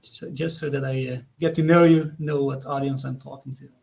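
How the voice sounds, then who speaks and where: A Dutch man speaks English with a Netherlands accent in an earnest online conference presentation, hesitating often and putting questions to the audience. His medium-pitched voice is gravelly and darkish, delivered flatly and a little fast.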